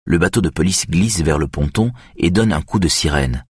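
A man reading a thriller audiobook in a measured, steady way. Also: sits low, husky, no echo, clean studio sound. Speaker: audiobook narrator. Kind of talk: scripted narration of a thriller.

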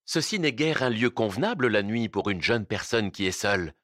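A man's voice: lowish voice, expressive, normal speed, fairly bright tone, no room sound, studio quality. A man voicing a kind, courteous old man who turns terrified, speaking politely and then gasping in fright. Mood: gentle.

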